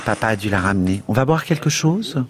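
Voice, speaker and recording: A man's voice: lowish voice, lively intonation, a little fast, music in the background, pitched above the performer's own voice, close to an everyday voice. A man voicing an impulsive, indignant teenage girl, speaking in a raised, heated way in a read-aloud story. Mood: falsely breezy.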